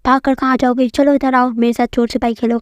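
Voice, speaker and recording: A woman's voice: high-pitched, little pitch movement, no echo, muffled recording, lightly acted. Woman voicing Motu, a bossy bully boy. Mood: bossy scolding. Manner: scolding, domineering. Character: bossy quarrelsome magic boy, rough-tempered.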